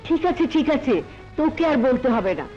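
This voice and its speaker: A woman's voice: high voice, expressive, brisk, mellow, lo-fi sound, faint music behind. An actress playing a village mother in a melodramatic film, scolding one son and soothing the other. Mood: tender. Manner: reproachful, then tender and soothing. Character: a stern but loving village mother. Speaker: mother of the brothers.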